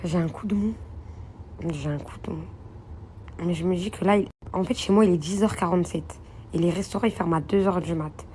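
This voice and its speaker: A woman's voice: on the low side, fairly even intonation, fast talker, mellow, a little hiss or hum. A young woman, chatting casually to her followers in a rambling phone vlog from a hotel room. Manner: chatty, rambling, addresses viewers as princesses and girls. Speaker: vlogger.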